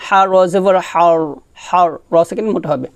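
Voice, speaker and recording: A man teaching Quran recitation, spelling out letters and chanting words slowly with long drawn-out syllables. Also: sits high, vocal fry, dry recording, clean studio sound. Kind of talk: tajweed lesson, spelling and slow recitation.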